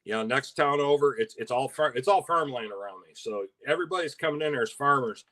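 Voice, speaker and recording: A man's voice: mid-range voice, fast, fairly bright tone. A man from Michigan co-hosting a live-stream chat, chatty and wry, laughing easily. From Michigan, USA. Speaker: co-host.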